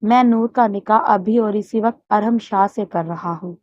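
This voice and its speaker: A woman's voice: mid-range voice, a little mellow, natural voice. Give me a woman voicing a stern but loving old grandfather, in a dull recording. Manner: commanding, scolding, then tender.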